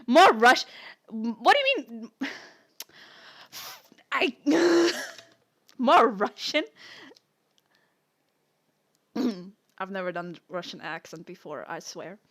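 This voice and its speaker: A woman on a live stream chats and reads aloud, breaking into giggles and poking fun at herself. Her voice is fairly high and her pace slow and easygoing. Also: sing-song, a bit bright. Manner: giggly, self-mocking, laughs often. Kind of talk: casual live-stream chat, reading a story aloud.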